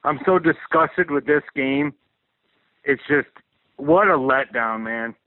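A man's voice: fairly high pitch, slow pace, no room sound. Disgusted man calling in on a phone line. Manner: disgusted, sarcastic. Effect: phone-line call-in voice. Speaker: radio show caller. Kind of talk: call-in rant about a game.

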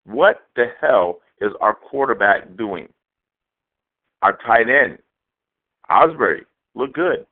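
A man's voice: mid-range voice, expressive, slow pace, pauses often. A man from Southern California calling in to a radio show over the phone, ranting angrily with a lot of swearing. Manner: angry profane rant. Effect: call-in phone line. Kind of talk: ranting call-in message. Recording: tinny phone line.

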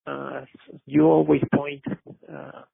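A caller from Mexico City who speaks English. His voice is deeply gravelly and very raspy, and he speaks slowly. He is heard over a dry, narrow phone line, polite and halting. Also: flat delivery, dry recording. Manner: hesitant, polite, many "uh" fillers. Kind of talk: call-in sports talk.

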